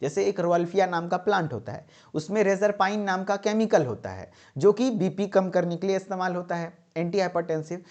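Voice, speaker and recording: A man's voice: high-pitched, fairly quick, darkish tone, lo-fi sound. Emphatic man teaching pharmacy. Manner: repetitive, emphatic, checks in with "ठीक है". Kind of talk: exam-tips lecture.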